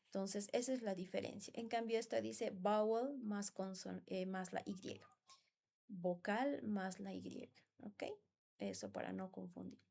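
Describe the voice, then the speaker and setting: Slow, gravelly-voiced teacher. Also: female voice, medium pitch, steady tone, dark tone. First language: Spanish. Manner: patient, repeats words and asks "¿no?" for agreement. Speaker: English teacher. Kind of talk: classroom explanation.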